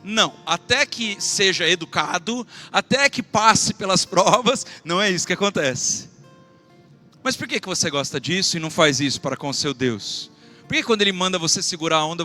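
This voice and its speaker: Fervent high-voiced male pastor preaching. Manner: fervent, rising to loud exclamations then dropping to quiet asides; asks the congregation for call-and-response. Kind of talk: sermon. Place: church sanctuary with congregation.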